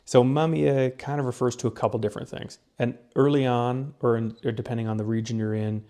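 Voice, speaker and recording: A man's voice: medium pitch, fairly even intonation, a little fast, dark tone. A young man co-hosting a casual podcast, explaining research in a rambling way, with lots of fillers and restarts. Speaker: podcast co-host presenting research. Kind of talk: casual chat.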